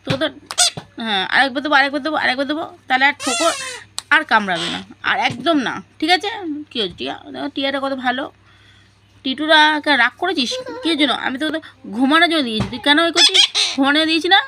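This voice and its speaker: A woman on a home vlog, coaxing, gently scolding and cooing at her pet parrots. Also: high-pitched, animated, fast talker. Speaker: vlogger talking to pet parrots. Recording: loud background noise.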